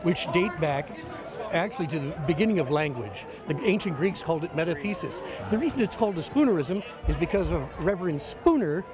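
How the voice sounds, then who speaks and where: A man with a fairly high voice, chatting as a festival storyteller. He likes to jumble syllables, swapping sounds between words. Clear music plays behind him outdoors. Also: animated, fairly quick, crowd noise. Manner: swaps syllables in spoonerisms. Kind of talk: casual interview chat.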